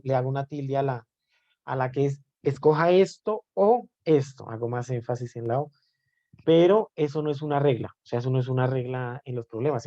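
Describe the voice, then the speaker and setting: A man teaching a live online class, with a dark, mellow tone. He walks through each definition step by step and often pauses to check that his students are following. The audio is a little dull and lo-fi. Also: medium pitch. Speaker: math teacher.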